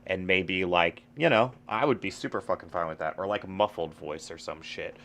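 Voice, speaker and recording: A man's voice: low-pitched, normal speed, fairly bright tone. A man chatting casually about video games as a streamer, swearing often and rambling with lots of fillers. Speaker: gaming streamer. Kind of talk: casual gaming chat.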